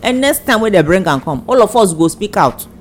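A woman's voice: medium pitch, very animated, brisk, crowd noise. A Nigerian woman speaking Nigerian Pidgin as a panelist in a casual radio discussion.

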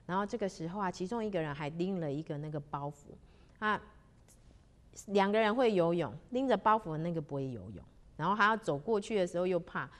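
A woman's voice: fairly low pitch, lively intonation. Woman telling a moral tale. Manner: unhurried, sentence-final particles drawn out. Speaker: religious storyteller. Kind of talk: spiritual storytelling talk.

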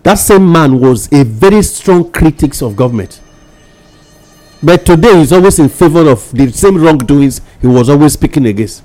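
A Nigerian man serving as a panellist on a radio talk show gives casual, emphatic commentary in English mixed with Nigerian Pidgin, often repeating himself as he goes. His voice is fairly high, expressive, and a little mellow, at a normal speed.

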